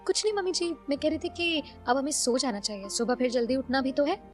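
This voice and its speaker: A woman voicing a young daughter-in-law in a cartoon story, who mutters complaints to herself in a high voice. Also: expressive, fast talker, soft background music. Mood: sweet. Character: young daughter-in-law, sleepy and quietly grumbling.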